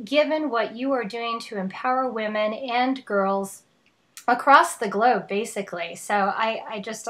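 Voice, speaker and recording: A woman hosts an interview and greets her guest with lively praise. Her voice sits fairly high. She sounds eager as she puts her questions. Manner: enthusiastic, full of praise. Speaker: show host.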